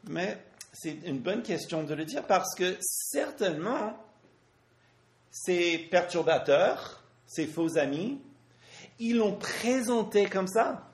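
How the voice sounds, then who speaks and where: Slow French preacher in a roomy hall. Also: male voice, high voice, expressive. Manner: pauses for interpreter, asks rhetorical questions. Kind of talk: sermon with live interpretation.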